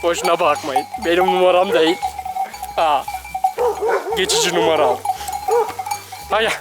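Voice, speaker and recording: Out on a pasture, a man with a high voice vlogs at normal speed while herding his livestock, coaxing and scolding them with repeated calls. He gives casual running commentary to camera with joking asides to viewers, over background music and farm animal sounds.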